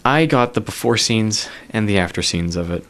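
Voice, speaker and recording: A man's voice: lowish voice, animated, moderate pace, a bit bright. A young man, a student reporter, telling his story in a sarcastic, mock-dramatic vlog style. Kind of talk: vlog-style news feature.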